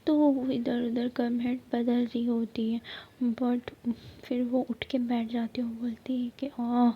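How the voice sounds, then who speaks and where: A woman storyteller narrating a love story in whispered role-play, in an even, steady telling. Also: fairly high pitch, breathy edge. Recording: dull lo-fi recording.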